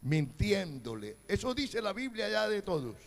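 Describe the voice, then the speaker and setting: Pastor de voz aguda y ronca. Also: male voice, sits high, big pitch swings, measured pace, gravelly, crowd noise. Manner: emphatic preaching with sudden loud outbursts and mocking quoted voices. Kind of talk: sermon.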